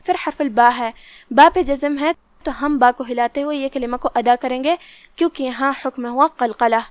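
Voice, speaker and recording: A woman with a high, smooth, resonant voice teaches recitation rule by rule. She explains methodically and patiently. The sound is dry and close, with no room echo. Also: steady tone. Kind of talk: step-by-step recitation lesson.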